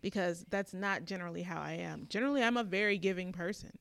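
A woman chatting earnestly on a podcast, thinking things through out loud. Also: lowish voice, quick pace, gravelly, no room sound. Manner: thoughtful, earnest, reflective. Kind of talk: casual chat.

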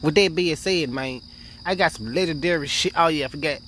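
A man's voice: a little high, brisk, fairly bright tone, slight background noise. Swaggering, slangy male podcast host. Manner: loose, boastful street slang with lots of filler tags. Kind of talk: casual profane podcast chat. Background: faint crickets and insects.

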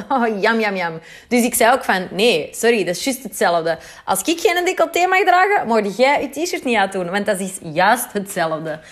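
A Flemish woman in her thirties from Belgium, chatting animatedly to her viewers in a casual storytime, with asides to them. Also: medium pitch. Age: 30s. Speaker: vlogger telling a dating story.

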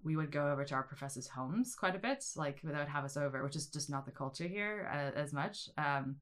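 A South African woman in her thirties, a media studies teacher, answers interview questions at length. Her low-pitched voice is brisk with lively intonation, and she rambles, often restarting and saying um.

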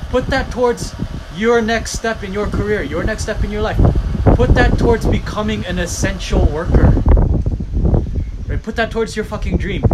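A man with a Hawaiian accent whose voice sits a little higher than most. He talks emphatically and repeats his main points like a pep talk. Heavy wind noise buffets the mic. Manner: emphatic, preachy, repeats key phrases. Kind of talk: casual chat. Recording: loud wind noise outdoors.

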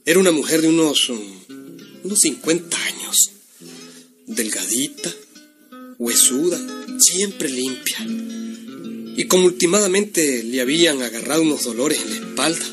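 A man narrating a folksy comic tale as a storyteller. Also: on the high side. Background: guitar music.

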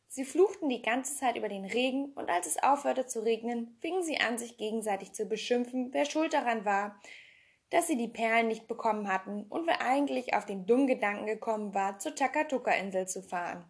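A woman narrating a children's storybook aloud, steady with an occasional slip. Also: a little high, brisk, gravelly. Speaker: reader. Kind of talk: audiobook narration.

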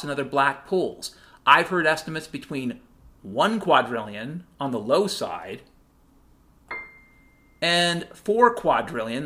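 Swearing constantly, a male podcast host launches into a heated, sarcastic rant. His voice is a little high with a sharp edge.

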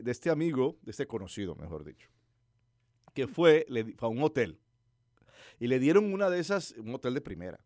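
Animated preacher man, dry sound. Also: medium pitch, dry recording. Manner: animated storytelling preacher, asks listeners questions. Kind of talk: conversational sermon.

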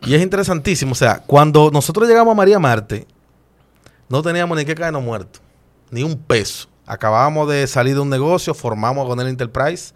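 A man, a chef guest in an interview, telling stories in an animated and emotional way with frequent restarts. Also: fairly high pitch, fairly quick. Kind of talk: casual interview storytelling.

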